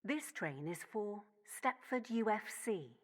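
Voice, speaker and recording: A woman's recorded onboard train announcements, built from spliced-together words with a measured, even delivery. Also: medium pitch. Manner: slow, measured, even phrasing. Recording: long reverb, faint background noise.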